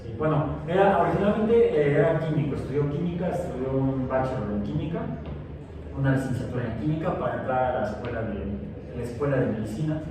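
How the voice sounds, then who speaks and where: A science teacher gives a digressive lecture in a classroom, his mid-range voice brisk and full of fillers and restarts. The recording is noisy, with an echoey room and a distant mic.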